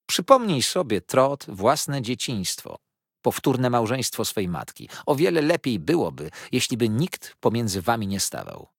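A stern but kindly old aunt, voiced by a male reader, measured and gently firm as she counsels her nephew. The voice is husky with a dry, close sound, and its pitch moves a lot, as in a read-aloud storybook. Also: sing-song, no room sound, full character voice. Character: older aunt, stern yet kindly, eccentric. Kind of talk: audiobook character voice.

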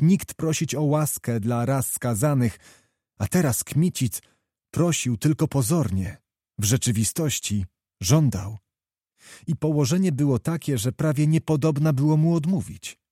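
A man narrates a novel in a measured, steady way with a dark, mellow tone. The recording is close and dry, with no room sound. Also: medium pitch, no echo. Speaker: audiobook narrator. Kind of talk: scripted storybook narration.

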